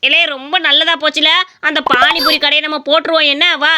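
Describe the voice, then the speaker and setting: A woman's voice: sits high, flat delivery, a little fast, background noise. A woman voicing a bossy village sister-in-law, scolding and ordering people about. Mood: cheerful.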